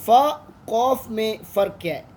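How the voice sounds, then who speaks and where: A man's voice: sits high, a little slow, warm tone. A man with a Pakistani Urdu accent, an online Quran tutor patiently teaching Arabic letters and drawing out each sound.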